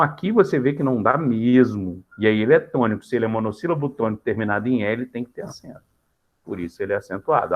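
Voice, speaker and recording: A man's voice: medium pitch, muffled recording. A man with a Brazilian Portuguese accent teaching a live grammar class in a casual way, often checking in with students.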